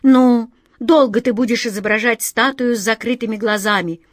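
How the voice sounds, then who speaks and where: Brief: woman doing kindly scatterbrained wizard, soft and teasing, lively. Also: a little high, normal speed, no echo, clean studio sound, natural voice. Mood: gentle. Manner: gentle, teasing. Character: kindly, absent-minded male wizard.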